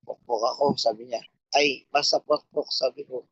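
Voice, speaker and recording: Husky guy rambling a dirty-mouthed story to his buddy, kinda high voice, muffled lo-fi sound. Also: fairly even intonation, normal speed, fairly bright tone, dry recording. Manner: rambling, profane, quotes himself in long stories. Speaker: storyteller in a casual chat. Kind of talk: casual chat.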